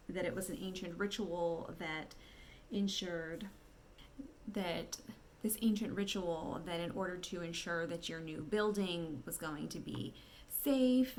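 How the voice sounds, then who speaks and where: A woman casually recaps and reads along with a book, keeping things conversational with wry asides. Her voice is lowish, and there is a little hiss or hum.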